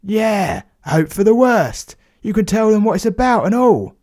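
A man's voice: high voice, expressive, unhurried, darkish tone, no echo, clean studio sound, pitched above the performer's own voice. A man putting on a blunt plumber. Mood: cheeky. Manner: blunt, matey, slangy. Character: cheeky working-class male plumber, blunt.

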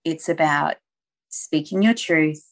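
Speaking slowly in a low voice, this woman is a brand strategist and mentor guesting on a podcast. In casual conversation she lays out her ideas earnestly, tosses out rhetorical questions, and leans heavily on fillers like "you know."

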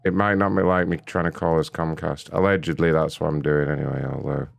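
A man's voice: a bass voice, fairly even intonation, brisk, gravelly, dry recording. A man hosting prank calls with casual, profane, mischievous, exclamatory banter. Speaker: host of a prank call show.

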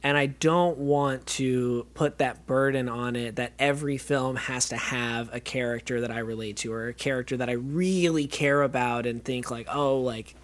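A man's voice: mid-range voice, fairly even intonation, moderate pace, hardly any pauses. Hesitant man in a film chat. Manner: hesitant, circling, restarts to qualify opinions. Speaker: podcast co-host. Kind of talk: casual film discussion.

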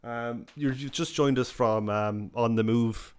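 A man's voice: mid-range voice, fairly even intonation, unhurried, clean tone. An Irish man hosting a podcast, interviewing in a casual, informal way with hesitant phrasing.

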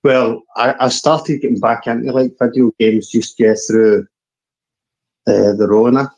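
A man's voice: mid-range voice, fairly even intonation, measured pace, darkish tone. Man with a broad Scottish accent. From Scotland. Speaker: call-in guest. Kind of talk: casual reminiscing.

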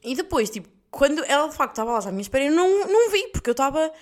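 A young woman with a European Portuguese accent, telling a story as a podcast host in rapid, bouncing speech that swoops up and down. Her voice sits a little high, and she laughs a lot, swears freely and talks in slang. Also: big pitch swings. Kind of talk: casual storytelling.

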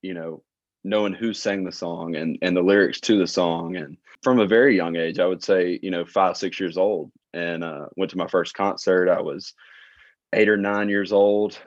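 A low-voiced man in his late twenties with a Southern Alabama accent, telling stories at an easy pace with plenty of ums and uhs. The sound is dry and a little dull, like a dead podcast room. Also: moderate pace, no room sound. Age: late 20s. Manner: relaxed storytelling with filler words and laughs. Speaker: guest, tour manager. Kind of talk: casual interview chat.

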